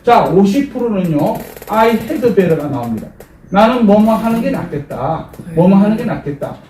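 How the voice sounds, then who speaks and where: Man teacher running call-and-response English drills, high voice, roomy distant sound. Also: very animated, darkish tone. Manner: repeats English phrases slowly, cues class with "start". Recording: echoey room, distant mic, faint noise.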